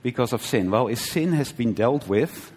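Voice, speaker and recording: A man teaching a conversational sermon, often checking with his listeners with a quick "right?" and restarting his sentences. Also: mid-range voice, animated, darkish tone, husky. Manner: conversational, frequent "right?" checks and brief laughs, self-correcting restarts. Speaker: preacher. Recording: long hall reverb.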